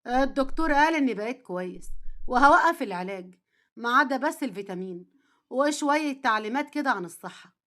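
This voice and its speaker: A woman voicing a stern, reserved man in his thirties with an Egyptian accent, gruff and curt, then softly tender, in a storytelling drama. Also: sits high, animated, fast talker, voice pushed down. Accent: Egyptian Arabic.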